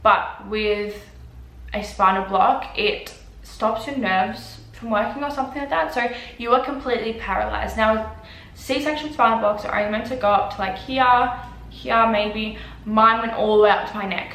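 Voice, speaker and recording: A woman's voice: medium pitch, fairly even intonation, moderate pace, fairly bright tone. Chatty young woman, roomy echo. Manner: chatty, swears freely, many fillers. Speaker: vlogger. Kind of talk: casual storytime vlog. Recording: echoey room.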